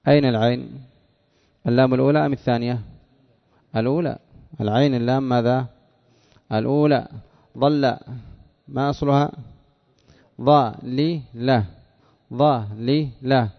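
A man teaching a grammar lesson who reads from a text, asks his listeners questions and answers them himself, slowing down to spell out example words. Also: mid-range voice, gravelly, muffled recording. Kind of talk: classroom lesson reading and explaining a text.

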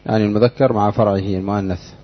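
Man teaching grammar, kinda low voice, keeps quizzing the class, dull lo-fi sound. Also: fairly even intonation. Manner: drills students with repeated questions; measured, explanatory delivery. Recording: dull lo-fi lecture recording.

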